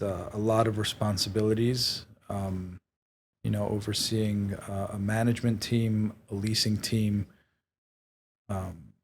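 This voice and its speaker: A man born in Israel and raised in New York talks as a podcast guest. His voice is low and very flat, and he speaks hesitantly and modestly, pausing often. Faint noise sits under the recording. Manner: hesitant, many fillers and restarts, modest. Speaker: guest, real estate company president. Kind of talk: podcast interview.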